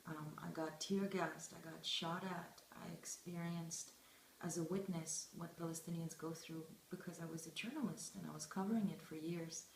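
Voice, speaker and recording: Young woman, low pitch, reflective interviewee, pausing as she thinks; echoey room. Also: steady tone. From Israel, of Russian immigrant background. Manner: thoughtful, deliberate, pausing mid-phrase. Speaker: interviewed journalist and film student. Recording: echoey room with faint background noise.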